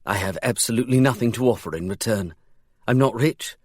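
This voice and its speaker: A man reading the part of a drab, nervous Englishman with an English accent, speaking quietly and earnestly. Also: medium pitch, brisk, dry recording, studio quality, natural voice. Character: drab nervous thin Englishman plotting a murder.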